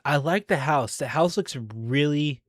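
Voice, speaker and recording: A man giving a casual, chatty reaction commentary as an online video creator, excitable and full of ums. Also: on the high side, unhurried, no echo, studio quality.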